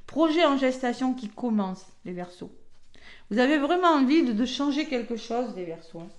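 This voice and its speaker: Woman, chatty card reader, talks to viewers, slightly high voice, echoey room. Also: lively intonation, normal speed. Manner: chatty, peppers talk with "hein" and "d'accord"; addresses viewers directly. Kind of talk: casual weekly horoscope card reading.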